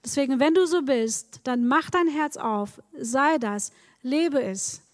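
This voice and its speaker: A woman's voice: sits high, slow pace, dry recording, studio quality, in a large hall. A woman preaching a sermon, speaking straight to her congregation with encouraging words and frequent repetitions. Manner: encouraging, addresses the congregation directly, repeats words.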